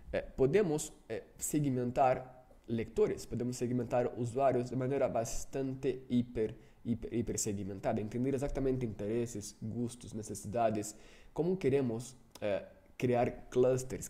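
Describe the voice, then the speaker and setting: A man whose first language is Portuguese leads a live online workshop lecture, rambling, correcting himself, and often adding "¿no?" tags. His voice is mid-range and mellow.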